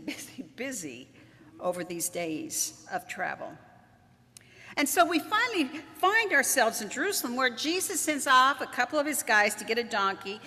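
A woman pastor preaches with a lively, swooping delivery and a bright, forceful edge, dropping in dry, wry asides. Her voice rings out in a church sanctuary with a long, hanging reverb. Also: a little high. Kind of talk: sermon.

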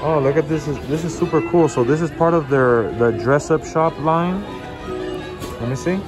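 A man's voice: fairly high pitch, normal speed, a crowd in the background. A man casually chatting while filming a shopping vlog, pointing out prices as he walks around. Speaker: vlog host. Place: large indoor retail store. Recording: store music playing behind.

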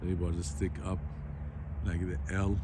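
A man walking a construction site and explaining the work in plain, halting, repetitive phrases, recorded on a handheld phone outdoors. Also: low voice, level tone, noisy background. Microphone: phone camera held by the speaker.

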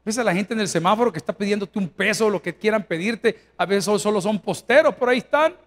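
A man preaching a sermon as pastor, firing rhetorical questions and swinging from hushed to shouting. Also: high-pitched, fast.

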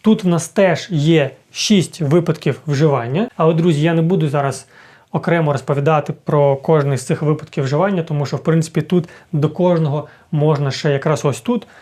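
A man's voice: fairly high pitch, brisk, warm tone. A man who teaches English, explaining a grammar point step by step and checking in with viewers as he goes. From Ukraine. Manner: talks to viewers directly, with many fillers and "так?" checks. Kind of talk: explanatory lesson, thinking aloud.

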